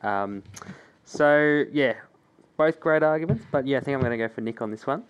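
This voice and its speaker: A man on a podcast panel, chatting casually in a hesitant, measured way. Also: medium pitch, clean tone, phone-quality sound. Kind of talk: casual chat.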